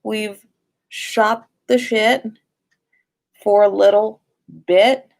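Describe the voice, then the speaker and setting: A woman speaks very slowly in a creaky, darkish mid-range voice with fairly even intonation. She hosts a livestream podcast, chatting casually and reading listeners' fan fiction aloud in a playful, informal way, swearing and breaking off her own sentences.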